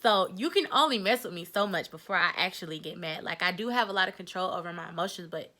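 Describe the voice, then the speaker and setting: A young adult woman chatting casually in a storytime vlog, telling a story in a lively, slangy way. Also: lowish voice, fast. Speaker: vlogger.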